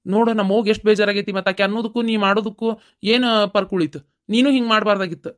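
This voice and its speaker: A performer voicing a calm, gently reproachful adult son in a comic cartoon, with a North Karnataka accent. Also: mid-range voice, racing, close to an everyday voice. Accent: North Karnataka Kannada. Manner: calm, reasoning.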